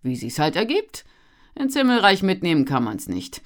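A narrator voicing a jovial, stocky peddler in his thirties, calling out loudly and cheerfully in an audiobook. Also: wildly swooping pitch, normal speed. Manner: loud, cheerful, booming calls. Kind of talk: audiobook character voice.

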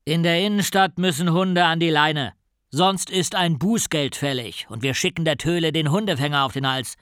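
A man reading a storybook and voicing a big, gruff policeman on night patrol who barks orders in a pompous way. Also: mid-range voice, normal speed, fairly bright tone, no room sound, clean studio sound, lightly acted. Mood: barking. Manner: barking, bossy, pompous.

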